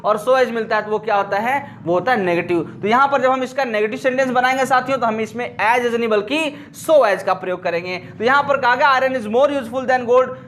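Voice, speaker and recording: Teacher, male, high-pitched, repetitive question-and-answer lesson delivery. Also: a bit bright. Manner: asks questions and answers them himself, repeating key points. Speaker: English grammar teacher. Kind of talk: classroom lesson explaining grammar.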